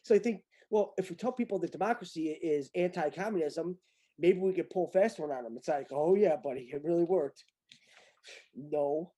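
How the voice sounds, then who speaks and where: A man with a dark, mellow voice rambles in disbelief, repeating phrases as he reads passages aloud. He jumps between points in a loose, casual commentary chat. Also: high voice, brisk. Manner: incredulous, rambling, repeats himself. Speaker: guest reading a document aloud.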